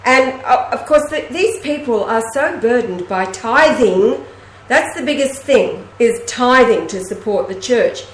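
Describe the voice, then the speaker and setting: A woman with a fairly high voice tells stories in lively casual talk, acting out what others said. She is recorded in a noticeably echoey room. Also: measured pace. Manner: animated storyteller, acts out quoted speech. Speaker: host. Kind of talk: casual conversation.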